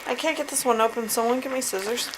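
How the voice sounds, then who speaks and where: Woman, raised pitch, casual household chat, noticeable background noise and clicking. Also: fast talker. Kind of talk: casual family chat while opening packages. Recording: noisy room with clicks and rustling.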